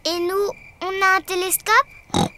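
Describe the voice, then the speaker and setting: A woman voicing a cheerful, curious little girl pig in a children's cartoon, polite and excitable, with simple childlike phrasing. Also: extremely high pitch, slow pace, a little hiss or hum, full character voice.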